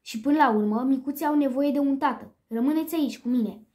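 A laid-back, charming male alley cat from a children's storybook talks in a casual way, as a woman reads him out. The voice sits high. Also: mellow, close to an everyday voice.

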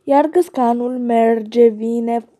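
A woman's voice: a little high, warm tone. A woman reciting a children's story poem with a sing-song storytelling rhythm. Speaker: reader.

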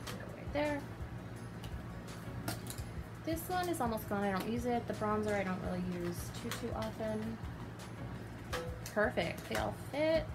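A woman's voice: on the high side, expressive, measured pace, pauses often. A young woman chatting casually and upbeat while organizing her bedroom, talking to her viewers. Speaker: vlogger. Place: bedroom at home. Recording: music playing loudly behind voice. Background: loud background music.

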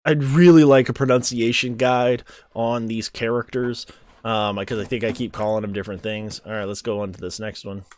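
A man's voice: mid-range voice, fairly even intonation, normal speed, a little mellow. A man hosting a gaming channel, chatting casually through a let's-play, jokingly reading game dialogue aloud and admitting he is unsure how names are pronounced. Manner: reads game dialogue aloud and laughs at it, jokes around.

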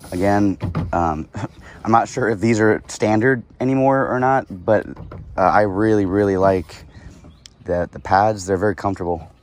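A man filming himself from a kayak on a lake with a head-mounted action camera, chatting casually while he fishes and getting excited when a fish bites. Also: on the low side, normal speed, slight background noise. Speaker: fishing vlogger.

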